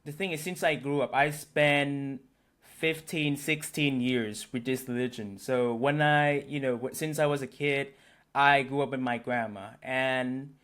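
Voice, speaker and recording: A young man from Thailand, a native Thai speaker, talking in a casual interview and pausing to search for words. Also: mid-range voice. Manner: hesitant, searching for words with many fillers. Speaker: interview guest. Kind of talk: casual conversation.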